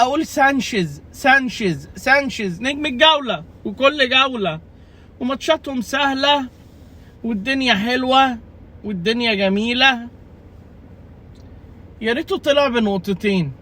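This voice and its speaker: A man's voice: very high voice, fairly bright tone. A young man with an Egyptian Arabic accent, ranting casually and jokingly about his fantasy football team, exasperated and repeating himself. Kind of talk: casual comedic rant.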